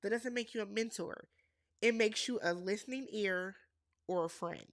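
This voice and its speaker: Speaking at normal speed in a medium-pitched voice, a Wisconsin woman chats through a reality show recap while congested and nasal from a cold. She's opinionated and talkative, addressing her audience as y'all.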